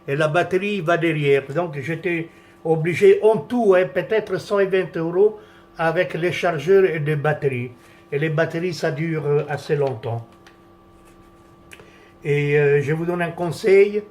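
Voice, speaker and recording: A slightly high, slightly slow, somewhat mellow voice comes from an Italian-native man reviewing camera equipment. He explains a camera monitor setup in a relaxed, tentative tutorial style, often restarting and using fillers.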